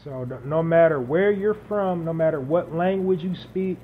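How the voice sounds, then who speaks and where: Dull lo-fi audio with a faint hiss carries a solo podcast host speaking unscripted at a moderate pace. His voice is a little high, and he develops points with emphatic repetition and lists.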